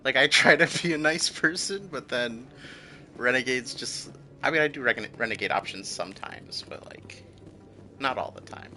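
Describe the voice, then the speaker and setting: A man's voice: mid-range voice, moderate pace, pushed and bright, a little hiss or hum. A man chatting casually as he comments on a game he is playing. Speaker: gamer commenting on play. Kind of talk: casual playthrough chat.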